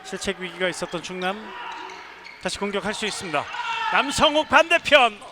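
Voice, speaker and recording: A man doing live handball play-by-play, given to shouted, drawn-out goal calls. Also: high-pitched, fairly even intonation. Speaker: sports play-by-play announcer. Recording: clear arena noise behind the voice.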